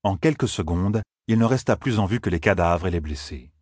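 A man narrating an audiobook in a steady, measured storytelling manner. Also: low voice, breathy edge, no room sound, clean studio sound. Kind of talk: scripted narration.

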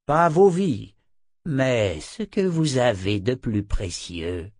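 A man reading a French audiobook, voicing a sly, theatrical male wizard who speaks slowly and deliberately with mock sincerity. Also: mid-range voice, sing-song, darkish tone, no room sound, studio quality, exaggerated voice. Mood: slow, smug.

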